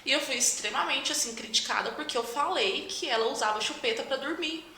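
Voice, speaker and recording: A woman's voice: sits high, a little fast, sharp tone. A woman, a guest, recounting her motherhood experiences in a casual conversation, emotional, with many restarts. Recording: echoey room, faint background noise.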